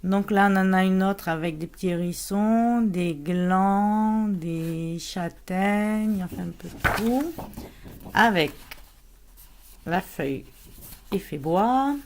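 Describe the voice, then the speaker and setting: Slow-talking woman unboxing crafts. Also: medium pitch, slight background noise. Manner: chatty, hesitant, many fillers and restarts. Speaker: scrapbooking vlogger. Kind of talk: casual haul unboxing.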